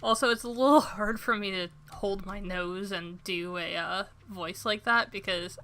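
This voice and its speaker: A young woman streaming a farming game, chatting to her viewers at a desk mic. Her voice is bright and forward, with self-deprecating asides, and keyboard typing clicks behind her. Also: mid-range voice, normal speed, slight background noise. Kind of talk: casual gameplay commentary.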